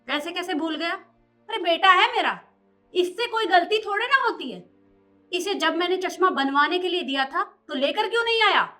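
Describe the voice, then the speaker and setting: A woman's voice: very high voice, animated, normal speed, sharp tone, soft background music, heavily acted. A woman playing a stern mother who scolds her son and lectures him in defence of her daughter-in-law. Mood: angry. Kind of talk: short family drama acting.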